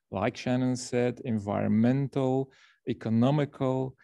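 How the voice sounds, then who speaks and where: A man from Belgium presents to a workshop over a video call, with a gravelly, dark voice. He explains and tells a story at length, repeating words now and then. The sound is dry and close. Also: mid-range voice, no room sound.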